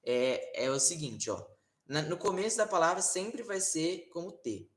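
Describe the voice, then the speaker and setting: A Brazilian man with a Brazilian Portuguese accent teaches Latin in a casual online lesson, his voice expressive and on the high side. He explains slowly and patiently, leaning on lots of fillers and tag questions, and the recording has a roomy echo.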